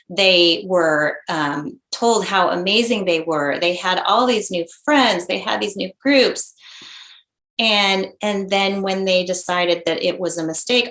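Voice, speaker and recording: A woman in her forties, a mother and interview guest, telling a personal story in an earnest, halting way with many restarts. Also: fairly low pitch, fairly bright tone. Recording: roomy echo.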